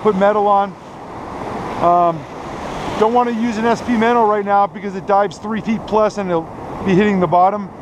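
A man in his thirties, a fishing vlogger, talking casually to viewers while fishing on an ocean beach. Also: high-pitched. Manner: relaxed, upbeat, talking to viewers while casting. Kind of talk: casual first-person narration while fishing. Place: outdoors on an ocean beach in the surf. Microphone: body-worn action camera. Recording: wind and surf noise on a camera mic. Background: crashing waves and wind.

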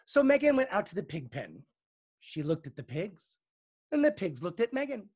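Lively male storybook reader. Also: high-pitched, normal speed, husky. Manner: lively, expressive, playful. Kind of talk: storybook read-aloud.

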